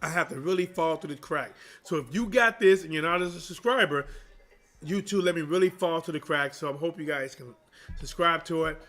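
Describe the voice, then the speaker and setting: Slightly fast and a little high, with a fairly bright tone, a man hosts his channel's live boxing stream. He commentates in loose, slang-filled talk directed at his viewers.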